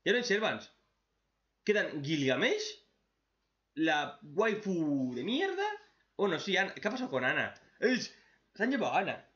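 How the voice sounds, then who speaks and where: A man giving a profane, mocking casual recap of an anime episode, mimicking characters in shrill voices. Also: sing-song, measured pace, pauses often, a bit bright, lo-fi sound. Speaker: anime reaction youtuber.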